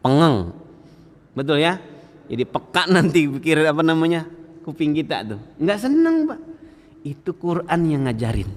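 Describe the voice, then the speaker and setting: A man preaching a mosque sermon, constantly asking the congregation questions and acting out everyday scenes. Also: a little high. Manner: engaging, quizzes listeners with frequent questions; acts out everyday scenes and quotes scripture slowly. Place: mosque hall. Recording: reverberant mosque hall.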